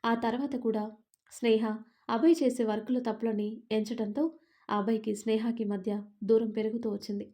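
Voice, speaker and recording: Woman storyteller, calm scripted narration; warm, mellow, fairly high. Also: normal speed.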